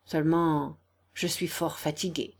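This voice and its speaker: A woman reading an audiobook, voicing a dying young man who speaks quietly, hoarse and weary. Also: low-pitched, flat delivery, a little slow. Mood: weary calm. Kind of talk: audiobook character voice.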